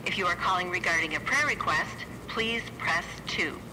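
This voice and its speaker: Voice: medium pitch, moderate pace, background noise, natural voice. An actor playing a polite automated phone menu. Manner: flat, polite recorded announcements. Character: automated phone line operator voice. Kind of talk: comedy sketch phone menu.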